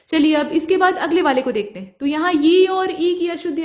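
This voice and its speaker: A woman teaching an exam prep lesson, explaining patiently and checking in often with her students. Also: high voice. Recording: echoey room.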